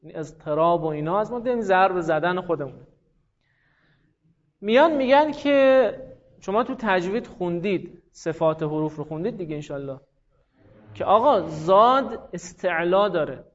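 A man teaching a class, lively and encouraging, repeating examples slowly and praising his students. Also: high-pitched. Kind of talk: classroom lesson on Arabic morphology. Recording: dull lo-fi classroom recording.

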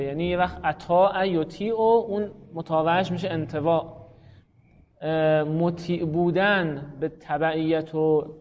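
A man's voice: on the high side, a little mellow, highs cut off. A man teaching a class, explaining grammar patiently and calling on students by name. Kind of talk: classroom lecture.

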